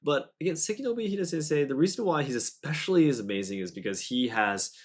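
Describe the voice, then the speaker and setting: A man's voice: on the high side, animated, fast, slightly rough. A man in his thirties, hosting a podcast in casual conversation, rambling with lots of fillers and tag questions. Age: 30s. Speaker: podcast host and dojo head.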